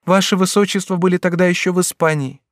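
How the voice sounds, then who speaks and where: A man's voice: high voice, fairly even intonation, fast, dry recording, clean studio sound, voice pushed up, lightly acted. A man reading an audiobook voices a timid, desperate young woman pleading with a prince, in a raised, strained voice. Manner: pleading and tremulous.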